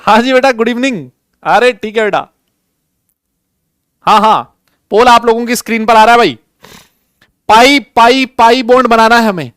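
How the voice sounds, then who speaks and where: Young male chemistry tutor, high and smooth voice, jokey live-class banter, dry close mic. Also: a bit bright, no room sound. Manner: chatty, jokey, calls students beta. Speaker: chemistry teacher. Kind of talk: live online class with chat and polls.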